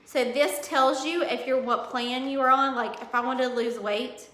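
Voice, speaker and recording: A woman fitness coach chatting through a nutrition plan in a casual video, rambling with many ums and self-corrections, a bit hoarse. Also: high voice, steady tone, normal speed, fairly bright tone. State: losing her voice. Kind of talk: casual product walkthrough video. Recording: echoey room.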